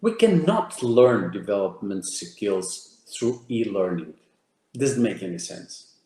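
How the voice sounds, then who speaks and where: A man who speaks Portuguese as his first language gives a forceful talk to an audience, ticking off main points and repeating words as he goes. His voice is lowish and dark, with a slow, sing-song delivery and a reverberant sound.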